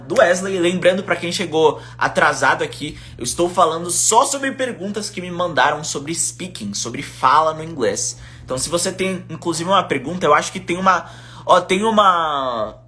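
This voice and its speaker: Bright-voiced Brazilian man chatting live. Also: a little high. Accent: Brazilian Portuguese. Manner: relaxed, chatty, slangy, reads viewer comments aloud. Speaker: English teacher. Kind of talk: casual live-stream Q&A. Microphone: phone.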